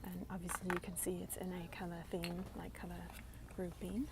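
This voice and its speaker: A young woman whispers her way through a store in an ASMR walkthrough, listing products one after another. Her voice is a touch low with a gravelly edge, and she takes her time. Loud store noise fills the background around her phone mic. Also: flat delivery, moderate pace. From United States. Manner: whispered, gentle, describing items one by one. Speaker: ASMR creator. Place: inside a large retail store. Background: store noise, people opening boxes.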